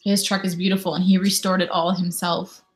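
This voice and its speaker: A Canadian woman in her thirties talks to her viewers during an informal live stream at home, reading out their comments. She has a lowish voice and a flat delivery, speaks a little fast, and there is background noise.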